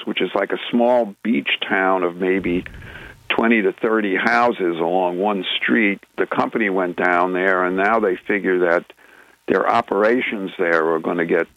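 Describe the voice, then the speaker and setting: A man's voice: sits low, moderate pace, fairly bright tone, no room sound, dull audio. A man co-hosting a radio talk show, explaining the news in a rambling way full of restarts and filler sounds. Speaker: radio show co-host presenting news segments. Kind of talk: casual radio chat.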